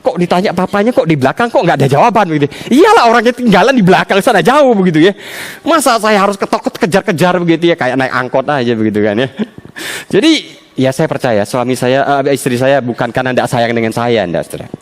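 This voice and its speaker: A man's voice: lively intonation, fast. A man preaching a sermon as pastor, telling everyday stories with rising emphasis. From Indonesia. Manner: storytelling with a sharply rising pitch for emphasis. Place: church.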